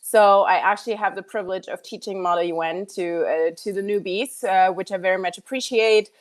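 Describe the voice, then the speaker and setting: A woman's voice: mid-range voice, brisk. A woman in her thirties, a faculty advisor, introducing herself on an online panel, friendly and with light self-deprecating humor.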